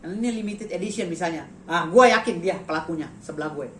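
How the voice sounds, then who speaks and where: A man's voice: high voice, quick pace, a bit bright. A man giving a heated press statement, blunt and insulting, with a habit of repeating a slang tag. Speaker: interviewee. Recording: echoey, faint background noise.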